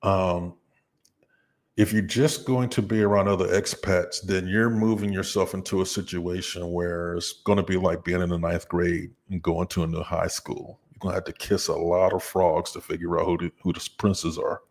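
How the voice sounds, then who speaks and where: Easygoing American man hosting a live Q&A, low voice, loose and friendly delivery with frequent laughs. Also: normal speed. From United States. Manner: relaxed, chatty, laughs often, spells out names. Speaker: host answering viewer questions. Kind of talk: live Q&A chat. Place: home, near a window in a high-rise.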